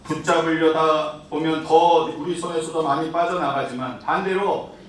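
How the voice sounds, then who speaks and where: High-voiced pastor preaching in an echoey hall. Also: male voice, moderate pace, far from the mic, a little hiss or hum. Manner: lively storytelling, frequent "예?" to the congregation. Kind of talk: sermon. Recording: echoey church hall from afar.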